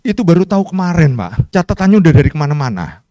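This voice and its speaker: This middle-aged man speaks in a high voice and tells workplace stories in a chatty way to a meeting audience. He often plays out both sides of a conversation. The sound is dry and close. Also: sing-song, fast, dark tone, no echo. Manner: chatty, storytelling, acts out quoted exchanges; often tags sentences with a polite address to the audience. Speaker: speaker at a government work meeting. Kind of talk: informal speech with anecdotes. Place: hotel meeting room.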